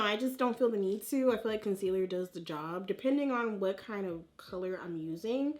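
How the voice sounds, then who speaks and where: A woman's voice: medium pitch, darkish tone. Casual, chatty woman doing a makeup tutorial. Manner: informal and slangy, talking to viewers like friends while applying makeup. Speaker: beauty vlogger.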